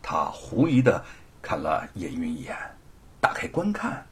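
A man narrating a traditional spoken story in a dramatic, animated way. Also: low voice, unhurried, slightly rough.

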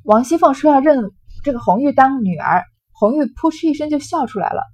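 A woman's voice: high voice, lively intonation, brisk, darkish tone, no room sound. A woman explaining a classic novel, retelling its scenes in a conversational way with small fillers. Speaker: literature lecturer.

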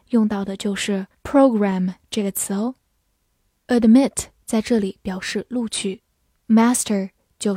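Woman vocabulary teacher, unhurried delivery, dry close sound. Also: on the high side, warm tone, no room sound. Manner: spells words letter by letter and reads example sentences slowly. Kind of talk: scripted vocabulary lesson.

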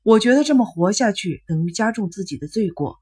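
Woman reading as a withdrawn young man, remorseful, flat subdued delivery, husky voice, storybook reading. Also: mid-range voice, fairly quick.

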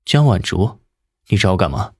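A woman's voice: rumbling low, big pitch swings, normal speed, slightly rough, dry recording, clean studio sound, pitched below the performer's own voice, heavily acted. A woman reading aloud, voicing a cool, terse young man who answers in short, clipped lines. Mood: curt.

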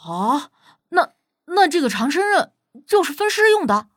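A woman's voice: high voice, very animated, measured pace, voice pushed up. A woman voicing a curious, squeamish young man who asks blunt questions, in an audiobook reading.

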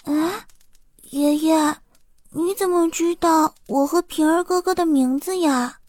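A tender little girl with a very high, sweet voice talks softly and carefully, as a man performs her. The sound is close and dry, with no room around it. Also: measured pace, dry recording. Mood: surprised. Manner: soft, sweet, high childlike voice. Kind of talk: audiobook character voice.

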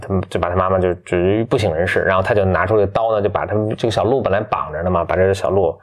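Low-voiced man casually retelling a tale. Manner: loose and halting, many restarts and fillers. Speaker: storyteller.

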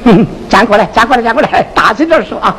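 A Sichuan opera performer playing a sharp-tongued teahouse keeper who mocks a poor scholar, scolding in a Sichuanese accent. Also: medium pitch, lively intonation, lightly acted. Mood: teasing. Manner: scolding, teasing, drawn-out sing-song delivery. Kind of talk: Sichuan opera stage acting, spoken and sung. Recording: hissy old opera film soundtrack.

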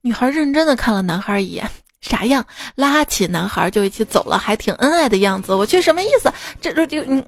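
A woman's voice: on the high side, lively intonation, brisk, creaky. A woman hosting a podcast, telling short funny stories in a chatty way and laughing at her own jokes, recorded on a close mic. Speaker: podcast host reading jokes. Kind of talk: casual joke storytelling.

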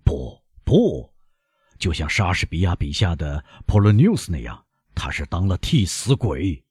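A man's voice: low-pitched, very animated, darkish tone, slightly rough, no echo, studio quality, exaggerated voice. A man doing a cold, relentless doctor. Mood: stern. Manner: cold, measured, insistent. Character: stern older male doctor, relentless accuser. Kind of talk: audiobook character reading.

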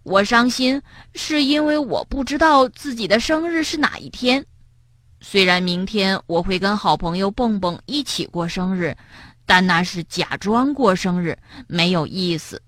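A woman voicing a gentle young male frog in a storybook, speaking softly with sighs. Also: mid-range voice, expressive, measured pace, no room sound, studio quality. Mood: sad. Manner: soft and sighing.

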